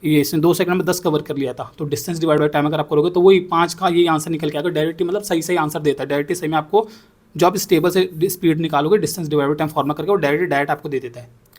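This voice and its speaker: Fast-talking man teaching maths. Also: on the high side, steady tone, darkish tone. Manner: repeats himself, checks in with "ठीक है ना". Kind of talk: explaining on a whiteboard.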